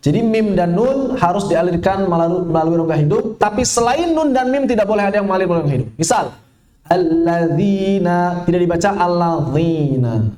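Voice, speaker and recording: Guy teaching quran recitation, high voice, slow and patient, echoey room. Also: animated, a little mellow. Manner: patient, demonstrates sounds slowly and sings examples. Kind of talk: tajwid lesson with recited examples.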